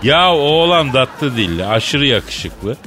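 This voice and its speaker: A man's voice: mid-range voice, big pitch swings, slow, music in the background. A man hosting a comic radio show, playful and theatrical, drawing out words for effect.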